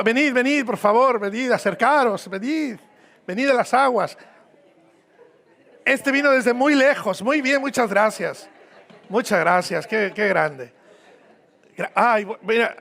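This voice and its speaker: A man's voice: high voice, fairly bright tone. A man from Mexico with a Mexican accent, preaching a sermon as a visiting pastor in a church, informal and joking, repeating phrases for emphasis. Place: church hall.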